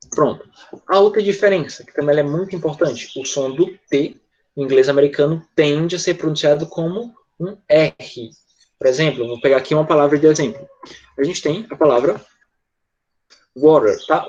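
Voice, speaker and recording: A male English teacher explaining pronunciation in an online class, patient, often checking in with quick tag questions. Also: on the high side, a little mellow, muffled recording.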